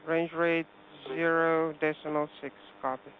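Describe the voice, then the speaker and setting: A man's voice: a little high, little pitch movement, a little slow. A male interpreter giving a translation voice-over of docking communications, with clipped procedural callouts of range and rate. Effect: translation voice-over over a comm loop. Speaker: interpreter translating mission control talk. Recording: tinny phone-like comm loop with faint hiss.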